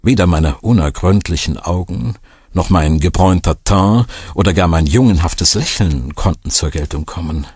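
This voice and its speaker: A man reads a thriller audiobook in a very deep, husky voice. His delivery is wry and expressive, with a lively rise and fall. The sound is dry and close to the microphone. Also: moderate pace, no echo. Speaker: audiobook narrator. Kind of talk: scripted narration.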